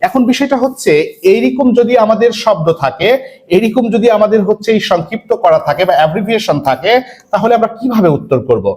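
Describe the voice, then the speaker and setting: Lively high-voiced male tutor. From Bangladesh. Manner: asks students questions and answers them himself, repeating words slowly. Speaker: English admission-test tutor. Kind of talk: online lecture.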